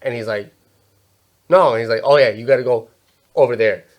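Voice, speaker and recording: A man's voice: mid-range voice, a little fast. Young male podcast host, casual, profane, rambling storyteller. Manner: rambling storyteller, swears often, acts out quotes.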